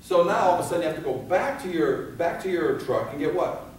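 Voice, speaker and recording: A man's voice: a little high, lively intonation, brisk, darkish tone. Echoey man lecturing from a distance. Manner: asks the audience questions and answers them; acts out scenes in different voices. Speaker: fire safety instructor. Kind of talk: live training talk to firefighters. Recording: echoey, from far off, with some background noise.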